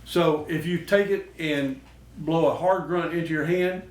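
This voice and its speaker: A man's voice: on the high side, steady tone, a little slow. A man hosting a show, giving casual, instructional talk. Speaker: host of a duck call show. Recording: echoey noisy room, distant mic.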